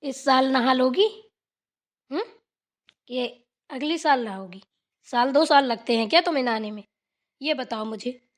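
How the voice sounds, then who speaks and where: Woman playing a sharp-tongued cartoon saas, high voice, always nagging. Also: animated, a little slow, long pauses. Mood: scolding. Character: scolding middle-aged village mother-in-law. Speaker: mother-in-law. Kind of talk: cartoon voice acting.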